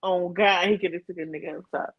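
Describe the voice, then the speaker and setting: A woman co-hosting a casual chat, throwing in quick reactions and hype. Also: fairly low pitch, steady tone, breathy edge, highs cut off. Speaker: co-host.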